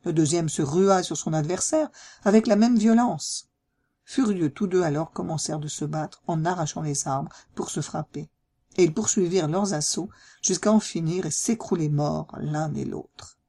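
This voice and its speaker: A woman narrating a fairy tale in a calm, even storybook reading, lightly voicing the characters' lines. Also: low voice, normal speed.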